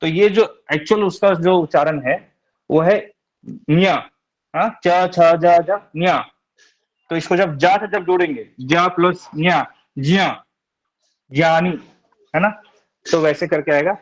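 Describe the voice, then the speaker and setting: A young man teaching a Sanskrit class online, patiently sounding out syllables one by one and checking in with his students. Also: on the high side. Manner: reassuring, repeats syllables slowly, often asks "theek hai?". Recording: dull lo-fi online class audio.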